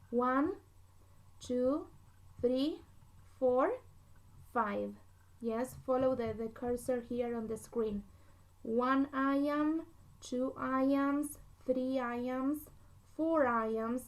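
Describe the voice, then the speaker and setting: A woman with an Argentine Spanish accent giving a literature lecture, patient and repetitive, often checking understanding with a quick "yes?". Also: on the high side, creaky, poor audio. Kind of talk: classroom lecture.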